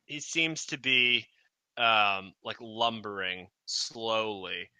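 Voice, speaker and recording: Bright-voiced man narrating a tabletop game. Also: lowish voice, animated, takes it slowly, smooth, dry recording. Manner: hesitant, full of fillers and restarts. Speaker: game master.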